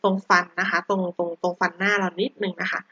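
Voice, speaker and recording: Bright, husky woman teacher. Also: mid-range voice, flat delivery, fairly quick, dry recording, muffled recording. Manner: gentle, repeats words, polite sentence endings. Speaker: teacher explaining in Thai. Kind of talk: classroom explanation for children.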